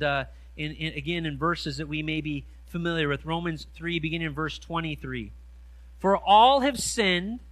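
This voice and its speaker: A middle-aged man preaching a sermon in a church, reading scripture slowly and stressing key words with earnest emphasis. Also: high voice, pushed and bright, no room sound. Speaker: pastor. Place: church sanctuary. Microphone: handheld mic.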